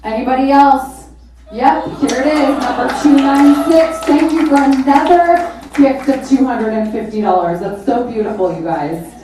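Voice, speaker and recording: A woman's voice: high-pitched, lively intonation, moderate pace, mellow. A woman hosting a live charity auction, calling bids and chatting informally and exclamatorily with bidders. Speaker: charity auctioneer and event host. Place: large echoey event venue with a live audience. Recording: echoey hall, distant PA, crowd.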